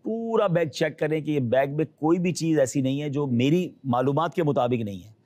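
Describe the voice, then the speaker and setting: A man with a fairly high voice gives earnest, cautionary advice in an interview and slips into voices for the people he quotes. The sound is close and dry, with no room echo. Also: darkish tone. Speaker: guest advising pilgrims. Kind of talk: advisory interview talk.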